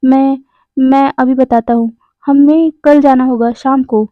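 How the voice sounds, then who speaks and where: A woman's voice: sits high, fairly even intonation, measured pace, no echo. A woman doing a flustered stammering young man. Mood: pleading. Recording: slightly dull, dry close recording.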